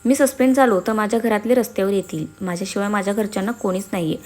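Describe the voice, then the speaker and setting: A woman's voice: medium pitch, fairly even intonation, very fast, a little mellow, faint music behind. Woman reading a story aloud. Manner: voices every character herself, mostly in her own tone.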